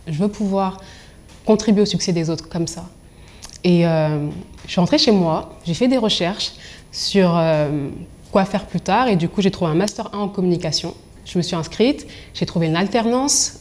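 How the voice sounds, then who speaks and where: A young adult woman from Angola and Congo speaks in a lowish voice, giving an interview as a professional coach. She tells her own story in an articulate, expressive way.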